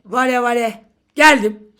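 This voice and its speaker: A woman teaching a lively exam-prep lesson, theatrical, with mock threats and sudden swings from shouting to whispering. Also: on the high side, unhurried, clean tone. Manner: mock threats and comic outbursts.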